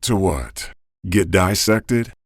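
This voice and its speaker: A husky, gravelly voice for a desperate creature whose skin is turning to living gold, as a man puts him on. He speaks slowly and with strain, as if every word hurts, and his pitch swings widely. The sound is dry and close. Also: lively intonation, no echo, heavily acted. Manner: pleading, strained and labored. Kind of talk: audiobook character voice.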